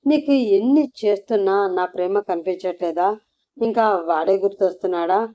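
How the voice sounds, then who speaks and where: A woman's voice: mid-range voice, normal speed, mellow, close to an everyday voice. A woman voicing an angry jealous young husband. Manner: accusing, demanding. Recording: slightly muffled lo-fi recording.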